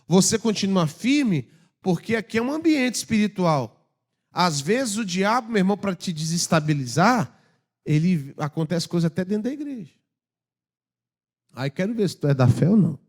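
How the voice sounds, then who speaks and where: A man with a Brazilian Portuguese accent preaching a sermon in church, swinging from loud urging to hushed asides. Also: high-pitched, sing-song, moderate pace. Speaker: pastor.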